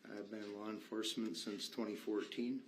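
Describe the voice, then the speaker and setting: In a courtroom, a state patrol vehicle inspector gives formal testimony as a witness, explaining his work matter-of-factly. His voice is on the low side, flat, and at normal speed. The recording is echoey with faint noise.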